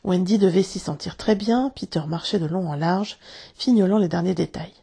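A woman narrating a children's storybook aloud in a calm, measured way. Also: on the low side, gravelly, breathy edge. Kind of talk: storybook reading.

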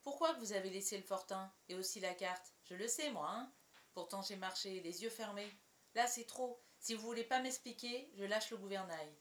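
Woman voicing a pirate cook, gruff, blustering, loud, slangy, storybook reading. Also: mid-range voice, moderate pace, roomy sound, close to an everyday voice. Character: cunning one-legged pirate cook, middle-aged man, gruff.

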